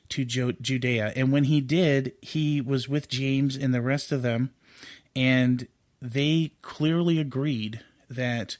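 A man's voice: medium pitch, dry recording. A man giving an informal home Bible study, earnest and unscripted, with fillers and restarts as he explains scripture.

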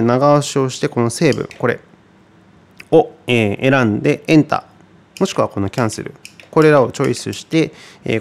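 A man teaching guitar in a relaxed tutorial, chatty and thinking aloud with many fillers. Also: medium pitch. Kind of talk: casual tutorial explanation.

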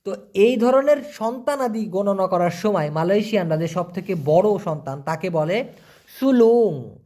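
A man teaching a vocabulary lesson, spelling words letter by letter and repeating them slowly. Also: high-pitched, lively intonation, mellow. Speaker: language teacher.

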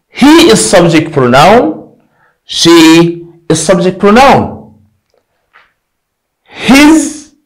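A young man teaching an English lesson at a whiteboard, repeating drill phrases slowly and emphatically, on a lapel mic. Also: sits high, low-quality recording. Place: indoor studio in front of a whiteboard.

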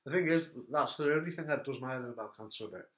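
A middle-aged man hosts a relaxed interview chat. He tells stories with lively, animated bursts, and his voice has a roomy echo. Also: mid-range voice, rapid-fire. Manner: animated storyteller, voice jumps up when telling funny bits. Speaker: host. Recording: echoey room.

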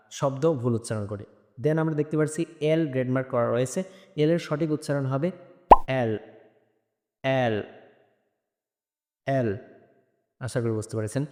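A man from Bangladesh teaching a lesson, hesitant, with frequent "ah" fillers, repeating sounds slowly. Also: medium pitch, mellow. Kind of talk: spoken lesson. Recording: long echoing reverb.

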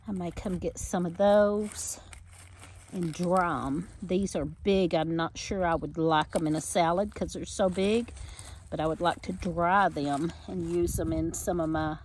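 This homestead vlogger, a middle-aged woman, films by hand as she walks the woods behind her farmhouse, chatting folksily, laughing easily and using plenty of fillers. Her voice is lowish and a little mellow, with slight background noise.

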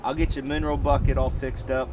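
Speaking fast with little pitch movement, this medium-pitched man chats folksily to camera as a homestead vlogger, using colloquial language. He's in his thirties, American-accented, moving between a yard outdoors and a garage. The audio is dull, with background noise, wind outside, and birdsong.

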